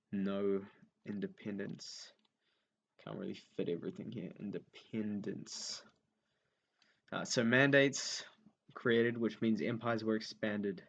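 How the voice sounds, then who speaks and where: Vocal fry colors this young man's fairly low voice on a lo-fi recording. Writing notes as he goes, he improvises a history revision lesson, ums often while thinking aloud, and restates the main points as he writes.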